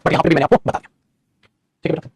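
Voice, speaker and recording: A man teaching English grammar in a lecture. He explains fast, calls his students "beta" and keeps asking if they follow. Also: a little mellow. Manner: rapid and explanatory, addresses students as "beta", often asks "theek hai?". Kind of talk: classroom lecture in Hindi mixed with English.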